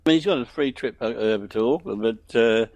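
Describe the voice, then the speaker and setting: A man's voice: mid-range voice, fast, darkish tone, dry recording. A man on a podcast panel in casual chat, chuckling and agreeable.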